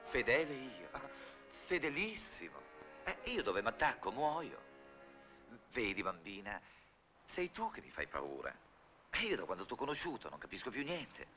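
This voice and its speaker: An actor playing a smooth-talking con man who poses as a lonely gentleman, playful and theatrical, in a 1950s film comedy. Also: mid-range voice, very animated, measured pace, faint music behind. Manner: playful, theatrical, hams up his charm.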